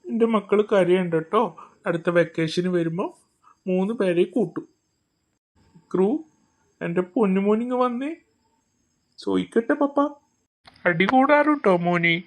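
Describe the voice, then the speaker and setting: A woman acting out a gentle father in a comic family skit. His voice sits at a middle pitch, well below her own. He speaks softly and reassuringly to his children. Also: close to an everyday voice. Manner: soothing and reassuring toward the children. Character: gentle father home on a short visit.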